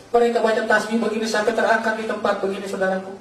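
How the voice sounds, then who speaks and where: Guy preaching his testimony fast and fervent, keeps calling the crowd brothers, sounds far off in a roomy church. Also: high voice, little pitch movement, fairly bright tone. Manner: fervent storytelling, repeatedly addresses listeners as brothers. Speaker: pastor giving a testimony. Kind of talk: testimony sermon. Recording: echoey hall, voice from a distance.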